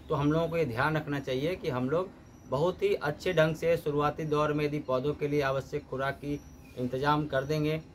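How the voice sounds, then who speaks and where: A man giving a steady, step-by-step gardening demonstration, often mixing English terms into his explanations. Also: on the high side, a little hiss or hum. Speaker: gardening instructor.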